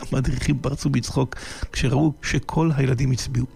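A man telling a story to children in a lively, animated way. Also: mid-range voice, gravelly, breathy edge, soft background music.

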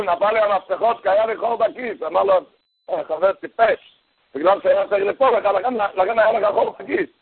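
With a husky voice, a rabbi tells a story-driven Torah sermon in a lively way, leaping up in pitch each time he voices someone from the narrative. It comes through as a thin, phone-like radio broadcast.

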